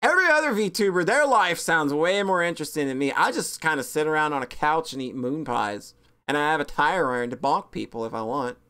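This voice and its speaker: A woman VTuber chatting casually on a stream, bubbly and self-mocking, rambling with sudden squeaky high bursts. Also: fairly quick, a bit bright, clear, resonant tone. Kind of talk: casual stream chat reviewing fan art.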